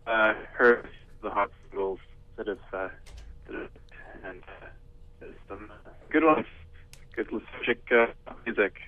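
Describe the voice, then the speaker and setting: A man's voice: on the low side, steady tone, a little slow, long pauses. A man calling in as a guest over a breaking-up phone line, talking casually and hesitantly with many fillers. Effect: breaking-up phone connection. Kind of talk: casual chat. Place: large house, indoors.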